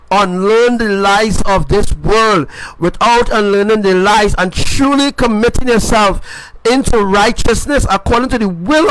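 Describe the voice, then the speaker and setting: A man's voice: high voice, fairly bright tone, a little hiss or hum, poor audio. A man preaching an informal sermon, emphatic and repetitive, often checking in with his listeners. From Caribbean.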